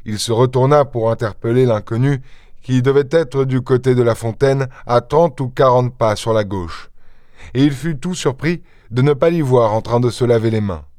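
A man narrating a classic novel as an audiobook reader, in measured storytelling. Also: mid-range voice, a little mellow, dry recording, clean studio sound. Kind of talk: scripted narration.

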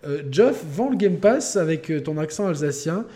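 A man's voice: fairly high pitch, moderate pace. Jokey man hosting a podcast. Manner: lively, joking, laughs often. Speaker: podcast host. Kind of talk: casual chat.

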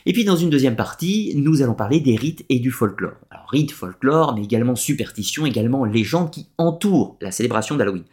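A man's voice: medium pitch, expressive, a little fast, few pauses, darkish tone. A man presenting a structured lecture, explaining step by step with frequent hesitations.

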